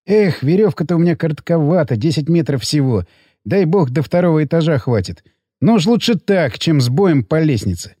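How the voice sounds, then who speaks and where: A man narrating an audiobook in a gruff, coarse first-person voice. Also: fairly high pitch, very animated, brisk, mellow, no echo, studio quality.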